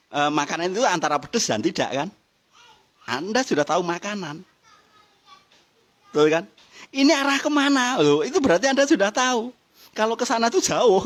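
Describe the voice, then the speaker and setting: A man's voice: high-pitched, fairly bright tone. A middle-aged man gives a motivational seminar talk, teasing the audience with questions and laughing along. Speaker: business motivational trainer.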